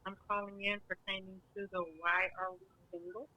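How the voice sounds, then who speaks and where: Caller role: outspoken middle-aged woman on a phone line, bright forceful tone, dry sound. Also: medium pitch, flat delivery, a little fast, no room sound. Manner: blunt, outspoken, complaining. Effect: heard over the phone. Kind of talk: call-in radio talk.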